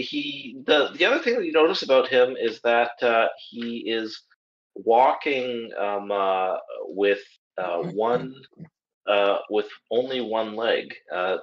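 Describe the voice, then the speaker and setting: Low-pitched male game master, halting delivery, dull lo-fi call audio. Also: fairly bright tone. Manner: hesitant, many ums and restarts. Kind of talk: narrating a tabletop game.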